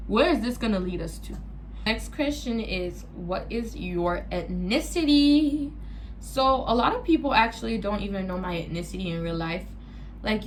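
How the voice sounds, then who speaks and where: A young woman, a native French speaker born in Gabon to Congolese parents, chatting casually through a get-ready-with-me Q&A vlog with animated asides. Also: medium pitch, a little hiss or hum, rough recording. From born in Gabon to Congolese parents, raised partly in the US. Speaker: vlogger.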